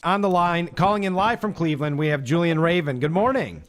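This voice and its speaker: A man hosts a live radio talk show from the studio. His voice is a little higher than average, and he speaks conversationally, steering the talk with questions. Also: lively intonation, fairly quick, soft background music.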